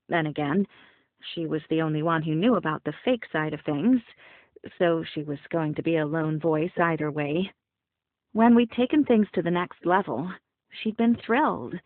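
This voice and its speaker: A woman's voice: on the low side, no room sound. A young woman narrating an audiobook in the first person, wry and playful. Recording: dry, phone-like narrow sound.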